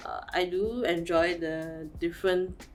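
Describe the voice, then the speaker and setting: A woman in her thirties giving thoughtful, measured answers in an interview. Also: lowish voice, fairly even intonation. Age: 30s.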